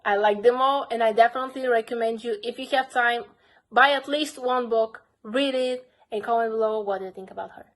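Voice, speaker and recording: This book vlogger, a young Bulgarian-accented woman, talks through her crime novels in a relaxed vlog, her voice a little high. She speaks earnestly and plainly, leaning often on the word "basically," and the recording is rough.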